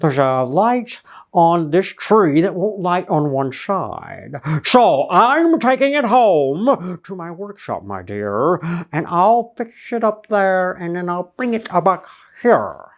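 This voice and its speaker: A man's voice: high voice, big pitch swings, slow pace, full character voice. A man reading a storybook, voicing a sly, grumpy Christmas-hating monster in a slippery, theatrical manner. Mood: falsely sweet.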